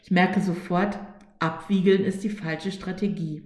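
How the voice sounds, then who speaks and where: A woman reading a short story aloud in a calm, wry, measured way. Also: fairly low pitch. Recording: echoey room.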